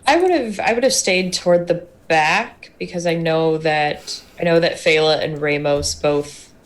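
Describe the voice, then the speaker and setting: A woman's voice: sits low, a little slow. A woman playing a tabletop game and chatting casually with the group. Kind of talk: casual chat.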